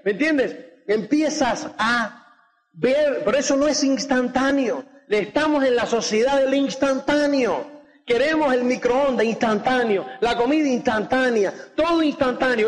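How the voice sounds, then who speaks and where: High-voiced man preaching in a reverberant hall. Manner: peppers speech with tag questions like "do you get it?"; acts out quoted dialogue. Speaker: motivational speaker. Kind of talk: motivational talk to an audience.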